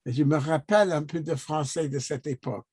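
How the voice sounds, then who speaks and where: A man who is not a native French speaker, speaking French with a foreign accent in an unscripted discussion, haltingly searching for words. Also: on the high side, a little mellow, slightly rough, no room sound. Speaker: guest commenter in a discussion.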